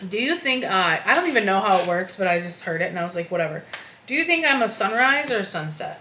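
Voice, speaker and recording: A woman's voice: medium pitch, big pitch swings, quick pace, sharp tone. A young woman co-hosting a podcast, chatting casually, giggly and playful. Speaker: podcast co-host. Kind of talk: casual chat. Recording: echoey room, faint noise.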